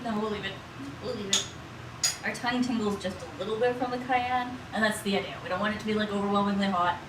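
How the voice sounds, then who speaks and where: Captured by a distant microphone several feet off, this recording from a small kitchen carries roomy echo and background noise. A middle-aged woman, a cooking streamer, chats casually and playfully while she cooks, rambling and repeating herself often, at a medium pitch and quick pace.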